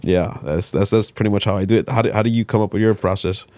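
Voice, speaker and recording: Comedian guy hosting a podcast, low voice, kinda halting, laughs a lot, dry sound. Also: steady tone, a little mellow, dry recording. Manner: halting, laughs between thoughts. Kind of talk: casual podcast conversation.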